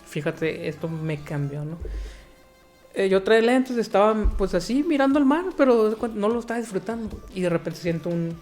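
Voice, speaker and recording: A man's voice: high-pitched, lively intonation, normal speed, a little mellow, soft background music. A man hosting a podcast, friendly and chatty, telling personal stories in casual talk. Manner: friendly, chatty, says "men" and "fíjate". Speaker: podcast host.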